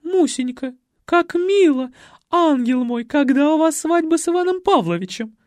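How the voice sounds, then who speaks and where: A man's voice: very high-pitched, animated, moderate pace, a little mellow, no room sound, studio quality, voice pushed up. A man reading an audiobook voices an imperious society mother who barks orders and gushes over guests. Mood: gushing. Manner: bossy, barking orders.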